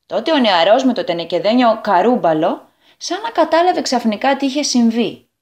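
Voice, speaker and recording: Expressive woman reading a children's tale. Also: fairly high pitch. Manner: expressive, animated. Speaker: storyteller.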